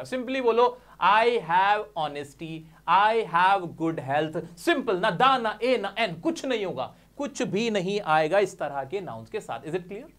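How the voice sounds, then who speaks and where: Here a man with a high voice explains English grammar one step at a time. Addressing his audience as dear friends, he frequently asks them questions and then supplies the answers.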